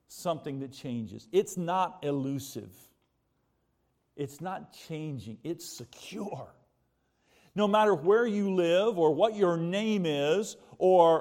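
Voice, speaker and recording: Here the American preacher's voice is a little high and slightly mellow. He sermonizes in a chatty way, leaning on rhetorical questions and repeated points for emphasis.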